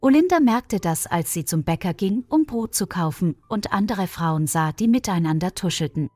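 A woman narrating a story in a smooth storytelling manner. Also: lowish voice, expressive, normal speed, warm tone, no echo, faint music behind. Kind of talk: scripted narration.

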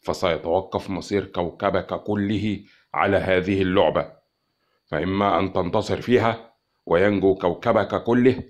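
A man voicing a cold, calm male alien envoy who speaks slowly and quietly. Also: low-pitched, close to an everyday voice. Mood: cold menace. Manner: cold and unhurried.

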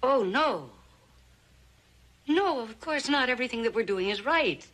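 A slightly high, somewhat bright female voice, animated but at a measured pace, voices a scheming mother in a 1960s TV western. The character is middle-aged and genteel, ambitious, controlling and weary, and she coaxes and pushes her daughter; the audio is poor.

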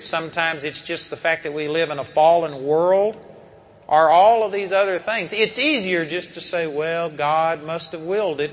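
A man's voice: fairly high pitch, a bit bright, highs cut off, a little hiss or hum. A man preaching a sermon to a live audience, telling a story with emphatic, rising delivery. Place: church before a live audience.

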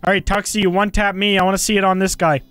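A streamer gaming with friends in voice chat, loud and teasing, laughing often. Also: mid-range voice, little pitch movement, racing, soft background music. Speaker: streamer and group leader. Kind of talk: casual gaming banter in voice chat.

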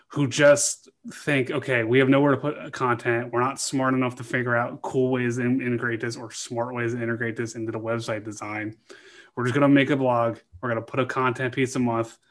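A man in his thirties, with a voice of average pitch, hosts a casual conversation with lively emphasis and quick asides. He speaks close to a studio microphone on a boom arm. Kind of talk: casual video-call interview.

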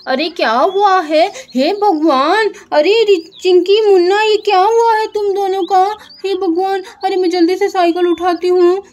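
A flustered young mother from a doll story, played by a woman, fusses and scolds in a high, raised voice. She talks in a hurried, alarmed rush. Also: fairly even intonation. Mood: alarmed scolding.

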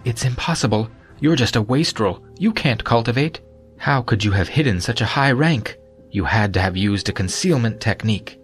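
A man voicing a furious, cornered young male martial disciple who shouts hysterically in an audiobook. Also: lowish voice, expressive, moderate pace, husky, faint music behind, pitched above the performer's own voice.

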